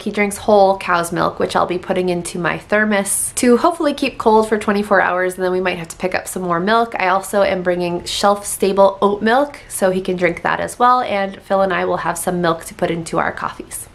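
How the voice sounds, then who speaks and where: A woman's voice: medium pitch, fairly bright tone. A woman in her thirties talking casually to the camera in a cluttered bedroom at home, running through a packing list in an upbeat, chatty way. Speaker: vlogger.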